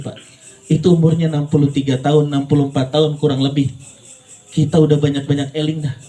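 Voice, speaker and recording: A man preaching a lively, joking sermon, talking straight to the congregation and swinging between playful high voices and low earnest tones. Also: poor audio. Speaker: Islamic preacher.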